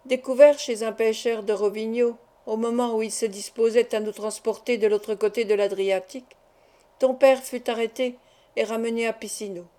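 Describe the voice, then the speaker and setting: A woman voicing a grave older male doctor who speaks in a measured, solemn way in an audiobook. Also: on the high side, steady tone, dark tone, close to an everyday voice.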